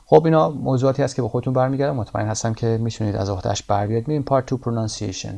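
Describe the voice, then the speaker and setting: Gravelly-voiced man teaching English. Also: mid-range voice, mellow. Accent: Persian. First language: Persian. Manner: explains in Persian, reads English examples slowly and carefully. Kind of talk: recorded language lesson explaining a textbook.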